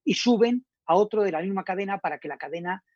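A middle-aged man with a Spanish accent from Spain tells an anecdote in a husky, rough voice, his pitch swinging widely as he acts out each quoted line. The recording is dull and lo-fi, with a dry, close sound. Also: fast, no room sound. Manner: animated storyteller acting out quoted dialogue. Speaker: radio journalist guest. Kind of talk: casual anecdote telling.

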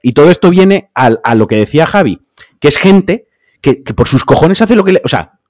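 A man's voice: a little high, sing-song, normal speed, a little mellow, no room sound, studio quality. Blunt, heated storytelling man. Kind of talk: casual podcast chat.

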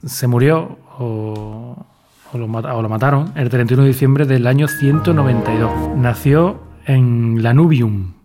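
A man from presents a history segment on a podcast. He talks in a joking, informal and chatty way, with a voice that sits in a middle pitch. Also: normal speed, music in the background. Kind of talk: casual comedic chat.

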